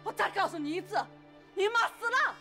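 A woman's voice: very high-pitched, sing-song, a little fast. An actress playing a short-tempered aunt and young mother who scolds and nags sharply. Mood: harsh. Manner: scolding, sharp-tongued nagging. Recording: loud music score behind.

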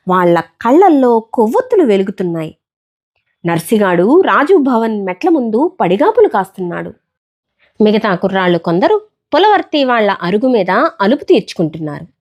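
Expressive woman storyteller. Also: fairly high pitch. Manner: expressive, emphatic. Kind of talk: dramatic story narration.

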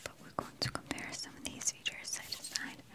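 A woman whispering throughout in a breathy ASMR style, musing aloud in a tentative, unhurried way as she compares products, close to the mic. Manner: talks with a candy in the mouth. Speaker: ASMR video creator.

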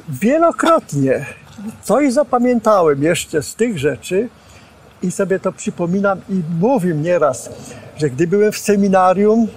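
Gesturing and performing quotations, a high-voiced older man, a preacher and former student, tells lively stories about his teachers in a reminiscing interview. He is outdoors on a campus lawn, recorded by a boom microphone with a little ambient noise.

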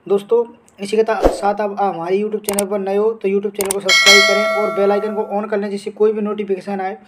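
An Indian man with a high, monotone voice hosts an educational update channel, talking briskly and informally over a phone screen recording. He repeats himself and keeps adding check-in tags, and there's heavy background noise.

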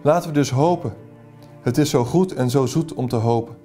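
A man's voice: mid-range voice, moderate pace, mellow, soft background music, close to an everyday voice. A man reading aloud the passionate lines of a devoted young lover pleading with his beloved. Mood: ardent. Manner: earnest reading of a passionate speech.

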